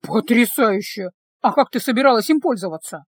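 A woman's voice: on the high side, lively intonation, a little fast, slightly rough, dry recording. A woman voicing a sarcastic, flustered young man.

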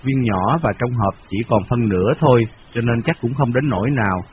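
A man reading a novel aloud in a steady, measured storytelling voice, on a dull lo-fi radio recording. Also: mid-range voice, slight background noise. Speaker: narrator.

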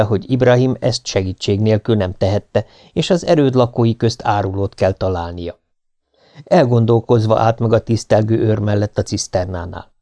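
A man reading an adventure novel aloud as an audiobook narrator, at a steady, measured pace. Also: fairly low pitch, no echo.

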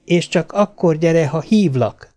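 A man's voice: on the high side, lively intonation, darkish tone, soft background music, pitched above the performer's own voice, close to an everyday voice. A man voicing a cold, strict mother who speaks curtly and scolds in an audiobook story. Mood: scolding. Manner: curt and scolding.

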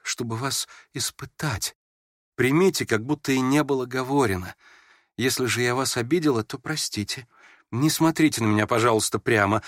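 A man's voice: medium pitch, dry recording, studio quality, lightly acted. A man reading an audiobook, voicing a proud, impulsive young woman who flares up and then turns shy. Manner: sharp, flustered, switching between scorn and shyness.

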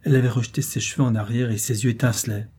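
A male narrator reads a classic novel aloud in a calm, even storytelling manner. His voice is mellow and dark, with a slightly husky grain. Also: mid-range voice, very fast. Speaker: audiobook narrator. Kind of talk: literary audiobook narration.

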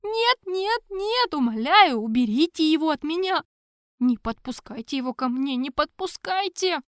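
Terrified wounded envoy, read by a woman, pleading and high, dry sound. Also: steady tone, unhurried, no echo. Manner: weak, frightened, pleading.

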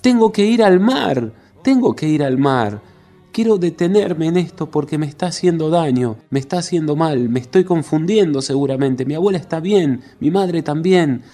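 A man's voice: a little high, animated, moderate pace, warm tone, faint music behind. A man voicing an anxious young woman on a train, musing in spiraling, worried thoughts.

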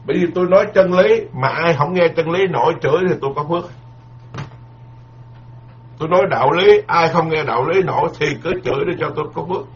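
Speaking fast in a slightly high voice, a male Buddhist monk delivers a dharma talk. He leans on proverbs, repeats himself and drives points home in a homespun, emphatic manner, captured on a dull, lo-fi lecture recording.

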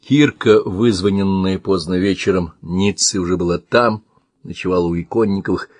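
A man narrating an audiobook in a measured, expressive reading. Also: sits low, dry recording.

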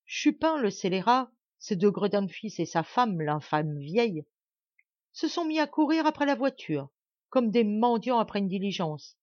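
A woman's voice: mid-range voice, darkish tone, dry recording, lo-fi sound. A woman reading an audiobook, voicing an angry young male peasant in a heated, scornful outburst.

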